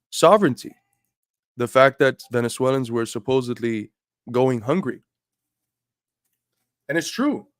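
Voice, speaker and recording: This medium-pitched man is hosting a casual livestream, speaking earnestly and driving toward emphatic points despite feeling unwell. The recording is dry, with a clean studio sound.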